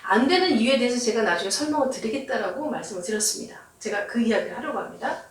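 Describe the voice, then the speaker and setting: High-voiced woman lecturing in an echoey room. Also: expressive, very fast, distant mic. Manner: explains with everyday examples, acting out quoted arguments. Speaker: family counseling center director. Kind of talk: lecture on anger coaching.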